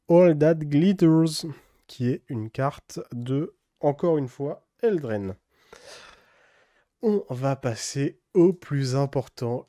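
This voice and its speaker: A man speaks in an unhurried, mellow voice as he opens card packs for his channel. He drops in plenty of fillers and carefully sounds out card names, all captured dry and close on the mic. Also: medium pitch, dry recording. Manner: relaxed, many fillers, reads card names slowly in a put-on English accent. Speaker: card-opening video host. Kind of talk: casual unboxing commentary.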